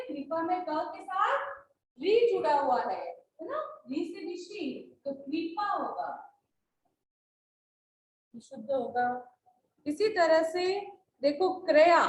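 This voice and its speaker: A woman's voice: extremely high pitch, reverberant, slight background noise, rough recording. A woman teacher giving a classroom spelling lesson, patiently repeating words and asking checking questions. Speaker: school Hindi teacher.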